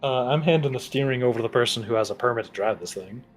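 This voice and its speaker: A man's voice: medium pitch, fast, soft background music. A playful man joking in and out of character as a player in a tabletop game. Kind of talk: casual, joking in-character play.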